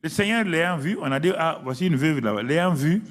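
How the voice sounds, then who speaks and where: A man's voice: fairly high pitch, expressive, moderate pace. A middle-aged man with a West African French accent preaching a sermon, emphatic and repetitive, addressing the congregation directly. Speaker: pastor.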